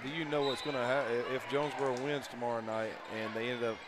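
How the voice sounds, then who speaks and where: A man giving casual, joking color commentary on a high school basketball game. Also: steady tone, quick pace. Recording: loud gym noise.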